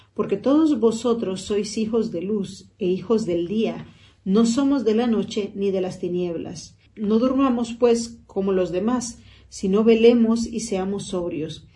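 A female pastor reads a scripture passage aloud, keeping a steady and measured delivery. Her voice is warm and mellow, sitting in a middle pitch for a woman. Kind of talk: scripture reading.

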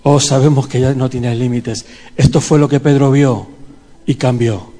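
A man's voice: medium pitch, steady tone, unhurried, mellow. Fervent male preacher in a reverberant hall. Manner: fervent, pleading, calls on the congregation. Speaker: preacher leading prayer. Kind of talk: prayer and sermon in church.

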